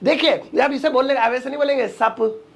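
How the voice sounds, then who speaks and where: High-pitched gravelly teacher man. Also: steady tone, quick pace. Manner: playful, joking, acts out little dialogues. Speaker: English teacher. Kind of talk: lively spoken English lesson.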